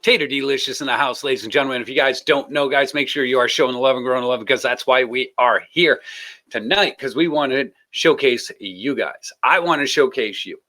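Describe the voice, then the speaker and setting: A man hosts a live stream in loose, rambling talk, often breaking into laughter. His voice sounds bright and open. He jokes his way through greeting his guests. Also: medium pitch, fairly quick. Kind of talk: casual live stream chat.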